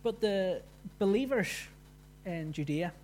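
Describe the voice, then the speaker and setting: A man preaching a sermon, explaining scripture in an informal, conversational way with pauses. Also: high-pitched, lively intonation, a little mellow, a little hiss or hum.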